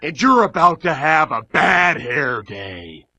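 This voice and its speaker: An actor playing a vain, hostile young man who snarls and shouts in a video game cutscene. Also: a little high, big pitch swings, takes it slowly, noisy background, heavily acted.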